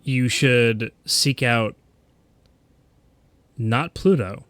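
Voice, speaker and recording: A man's voice: medium pitch, drawn-out words, a bit bright, no echo. A man voicing a male rebel contact who answers a short magic message in terse, clipped sentences. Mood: matter-of-fact. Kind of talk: tabletop game character voice.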